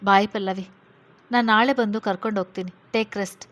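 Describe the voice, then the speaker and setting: A woman voicing a protective male police officer who reassures a frightened witness in a steady, firm way. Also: medium pitch, a little fast, natural voice. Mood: brisk.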